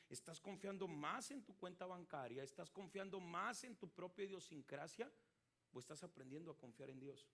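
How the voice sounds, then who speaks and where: A man's voice: high voice, vocal fry, a bit bright. A man with a Mexican Spanish accent, preaching as a pastor and asking his listeners questions as he tells a story. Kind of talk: sermon.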